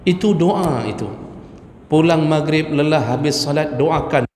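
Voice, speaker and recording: A man's voice: on the high side, unhurried, a little mellow, slight background noise. A male preacher giving a chatty, joking sermon lecture, talking straight to his listeners in a mosque. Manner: jokey, chatty, addresses listeners directly. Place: mosque hall. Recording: echoey mosque hall, faint ambience.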